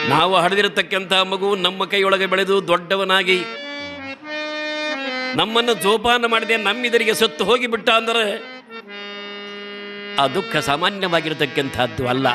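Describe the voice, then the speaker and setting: A man's voice: sits high, measured pace, pauses often. A man giving a devotional storytelling discourse in a rhythmic, dramatic narration. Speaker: religious storyteller. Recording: accordion music behind the voice.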